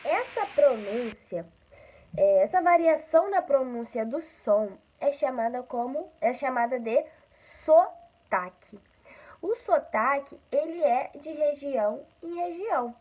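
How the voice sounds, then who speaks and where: A woman from Rio de Janeiro with a Carioca accent, teaching a school lesson slowly and patiently, often checking in with her listeners. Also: high voice, lively intonation, a little mellow, poor audio. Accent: Carioca Brazilian Portuguese. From Rio de Janeiro, Brazil.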